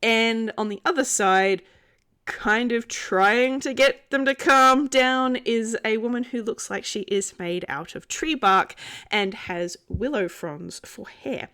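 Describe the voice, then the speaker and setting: A woman's voice: on the high side, slow, a bit bright, smooth. A woman narrating a tabletop game as game master, improvising in an informal, conversational way.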